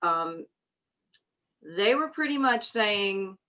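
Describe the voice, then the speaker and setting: A woman from New Orleans, a shop owner talking as an interview guest, telling her story in a chatty, animated way. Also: medium pitch, slow pace, rough recording. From New Orleans, USA. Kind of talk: casual conversational interview.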